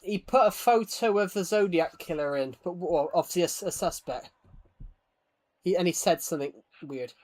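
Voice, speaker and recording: His high-pitched voice has a darkish tone and a moderate pace. On a gaming livestream, this man talks loosely and self-deprecatingly, stuttering and repeating himself while going through comments from viewers.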